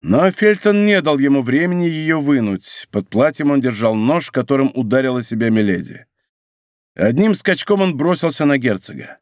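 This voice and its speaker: A man narrating an adventure novel as an audiobook in a dramatic, expressive reading style. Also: medium pitch, normal speed, no echo, studio quality. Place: recording studio.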